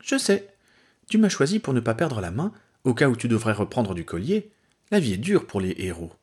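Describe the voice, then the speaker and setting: A man reading aloud, voicing a teasing young wife and mother who mocks her husband gently. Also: big pitch swings, moderate pace, breathy edge. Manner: raised pitch, dry teasing.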